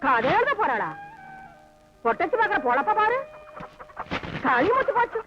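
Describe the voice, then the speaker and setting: A proud, stubborn old grandmother from a village, speaking. She scolds gruffly in a high voice that swoops a great deal, and the old film audio sounds dull and muffled. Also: sing-song, normal speed, over music. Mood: scolding. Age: older. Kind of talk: film acting.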